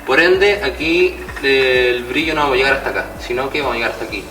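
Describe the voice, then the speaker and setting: Speaking fast with a bright, forceful, medium-pitched voice, a man from Chile walks his students through mural painting step by step. He explains as he goes, asking "¿cierto?" to check in, while a distant mic captures a roomy space with music in the background.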